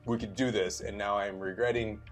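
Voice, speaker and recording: A man's voice: fairly low pitch, steady tone, brisk, faint music behind. A man, head of admissions, chatting casually and teasing himself. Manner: joking, self-mocking. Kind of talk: casual chat.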